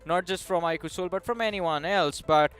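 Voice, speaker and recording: An upbeat, joking Indian man on the analyst desk of a mobile esports broadcast. His voice sits a little high and comes through smooth and resonant. Faint music plays underneath. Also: normal speed, fairly bright tone. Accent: Indian English. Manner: upbeat, bantering. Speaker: esports caster.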